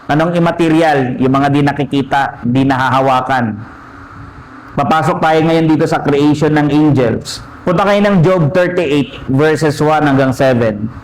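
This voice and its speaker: A man, a pastor, teaching a Bible sermon who moves between Tagalog and English and slows down to read verses aloud. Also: a little high, poor audio. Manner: asks questions and answers them himself.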